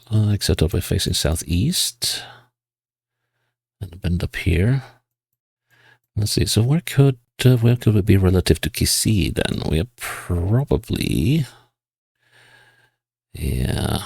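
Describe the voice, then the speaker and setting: Slow, gravelly man musing over a game. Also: low-pitched, darkish tone, no echo. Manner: musing, reads signs and place names aloud. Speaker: GeoGuessr player. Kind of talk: casual gameplay commentary.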